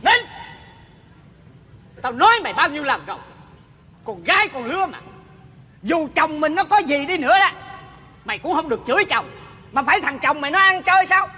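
A man's voice: very high-pitched, sing-song, normal speed, long pauses, sharp tone, long reverb tail, full character voice. A man playing a stern, bossy father who scolds his daughter in a stage comedy sketch. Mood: scolding.

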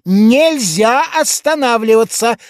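A man's voice: extremely high pitch, animated, slow, no room sound, voice pushed up, full character voice. A man voicing a stern, officious male policeman who gives firm, insistent orders, in a dry studio recording.

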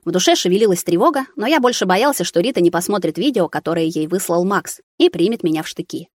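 Woman reading an audiobook, low and dry. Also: expressive, fast, no room sound. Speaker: audiobook reader. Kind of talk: scripted first-person narration.

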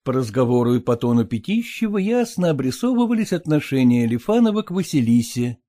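A man reading the narration of an audiobook in a low, calm, even voice. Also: brisk. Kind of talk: scripted narration.

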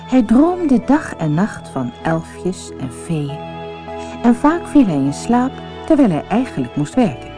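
A woman narrating a fairy tale for an audiobook in a slow, expressive storytelling manner. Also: mid-range voice.

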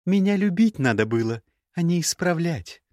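A man reading an audiobook voices a sharp-tongued, sarcastic young woman mage in a high, mocking tone. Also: expressive, normal speed, no room sound, studio quality, lightly acted. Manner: cutting, mocking, icy sarcasm. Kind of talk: audiobook character voice.

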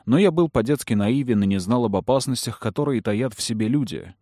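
A man narrating a story in the first person in a calm, even manner. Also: medium pitch, a little fast, no room sound, clean studio sound. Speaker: audiobook narrator.

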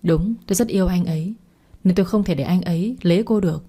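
A woman's voice: fairly low pitch, fast talker, dark tone, breathy edge. A woman voicing a cold, jealous young woman who talks in curt, sneering lines.

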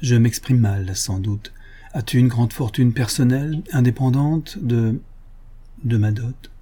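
A man's voice: medium pitch, a little slow, warm tone, slightly rough. A man voicing an anxious young married daughter who pleads hesitantly with her father.

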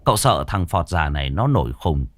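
A man narrating a ghost story with dramatic, expressive delivery. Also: sits low, fairly quick, no echo.

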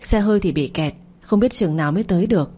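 A woman's voice: on the low side, quick pace, mellow, breathy edge. A woman voicing a scheming young woman who acts meek and polite, in an audio story reading. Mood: fake polite. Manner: falsely polite and meek, sly when alone. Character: scheming young woman, sweetly two-faced.

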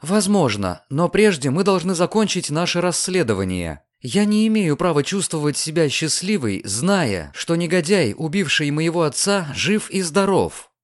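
A man reading an audiobook, voicing an earnest young woman with a raised, lively voice. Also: moderate pace, few pauses. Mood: resolute. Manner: raised pitch, lively pleading delivery. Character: earnest young woman, daughter seeking her father's killer.

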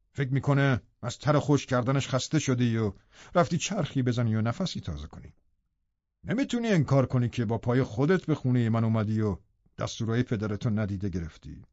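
A man's voice: medium pitch, darkish tone, no room sound, natural voice. A man voicing a cruel, scornful middle-aged captor in an audiobook, speaking in a taunting, cutting way. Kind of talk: audiobook character reading. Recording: dry, slightly dull studio audio.

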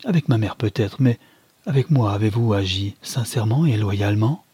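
An impassioned young lover, read by a man pleads with feverish ardor in a dark, husky voice. The audiobook recording is dry, with no room sound. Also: lowish voice, moderate pace, no room sound. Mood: wounded. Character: young man desperately in love, pleading and wounded.

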